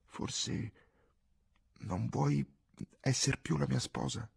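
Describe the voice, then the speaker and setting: A man reading the part of an anxious young man in love, hushed, strained and earnest. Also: mid-range voice, very slow, vocal fry, slightly rough, pitched above the performer's own voice, heavily acted. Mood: pleading.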